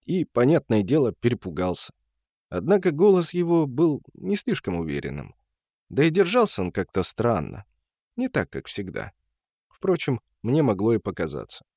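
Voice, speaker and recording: A man narrating a story as an audiobook reader, in a measured storytelling manner. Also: mid-range voice, huge pitch swings, darkish tone, dry recording, clean studio sound. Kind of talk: audiobook reading.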